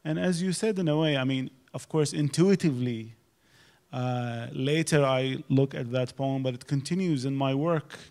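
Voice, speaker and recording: An older man from Iraq, a poet speaking thoughtfully on an auditorium stage panel into a handheld mic, with halting restarts. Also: medium pitch, darkish tone. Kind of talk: reflective panel discussion.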